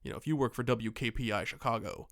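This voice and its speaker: A podcast co-host chats casually about films, rambling, joking and swearing now and then. His mid-range voice is fast and a bit bright, recorded clean in a studio with no room sound.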